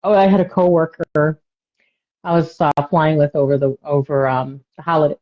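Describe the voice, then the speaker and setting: A woman with a lowish voice rambles through a relaxed conversation, filling her talk with "you know" asides. The sound is muffled and lo-fi, like a webcam mic on a video call. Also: normal speed. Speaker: podcast co-host. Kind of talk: casual chat. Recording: dull lo-fi sound.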